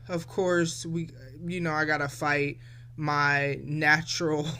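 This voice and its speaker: Her voice sits low, with a fairly bright, smooth tone. She's a forty-year-old woman hosting a casual solo podcast, speaking to her listeners directly in a reflective, loose, chatty way.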